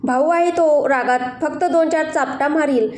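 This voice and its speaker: A woman voicing a quiet, troubled young husband who speaks softly and briefly, in a storybook reading. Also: sits high, moderate pace, lightly acted. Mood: tender. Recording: roomy echo.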